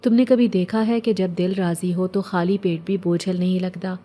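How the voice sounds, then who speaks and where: A soft-spoken ancient male jinn, voiced by a woman narrating a horror storybook. His words come slow and poetic, meant to console. The tone is mellow and warm rather than bright. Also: fairly low pitch, fairly even intonation, lightly acted. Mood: calm, tender.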